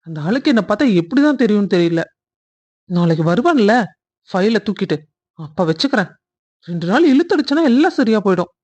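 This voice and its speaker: A woman voicing a kind young man in a cartoon love story who speaks earnestly and reassures gently. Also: mid-range voice, sing-song, a little fast, pauses often, highs cut off. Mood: irritated.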